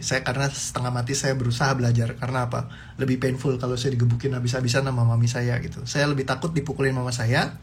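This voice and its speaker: A man giving a motivational talk to parents in a chatty, animated way, laughing often and dropping in English words. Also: mid-range voice, a little hiss or hum. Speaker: parenting speaker.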